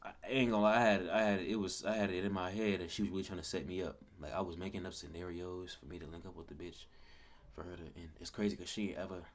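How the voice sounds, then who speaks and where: A young man telling a rambling personal story in casual talk, repeating himself and cursing. His voice leaps higher and louder when he reacts. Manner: pitch and loudness jump wildly when he quotes or reacts. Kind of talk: casual story time vlog. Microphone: camera mic at close range.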